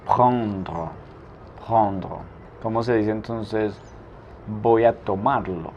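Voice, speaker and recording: Slow, low-voiced male language teacher. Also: a little mellow. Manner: asks a prompt, then says the answer slowly twice. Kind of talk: slow spoken drill lesson. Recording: dull lo-fi recording with faint noise.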